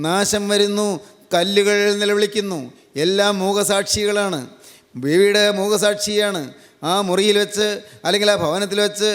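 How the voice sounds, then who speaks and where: A man from Kerala preaches in a high, even tone, stacking repeated phrases and firing rhetorical questions at his listeners. His voice hangs in a long, echoing reverb, as if in a large hall. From Kerala, India. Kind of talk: sermon.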